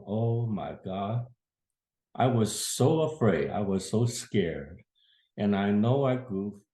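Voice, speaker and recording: In an echoey room, an earnest, plain-spoken man in his 80s recounts a family story from his youth as a casual spoken memoir. His voice is lowish with a dark tone.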